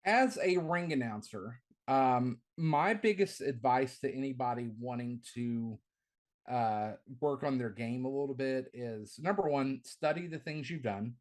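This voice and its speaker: This middle-aged man, who calls and announces wrestling, talks enthusiastically in a relaxed podcast interview, taking his time. His voice isn't deep yet carries, and he tends to double up words as he begins a phrase.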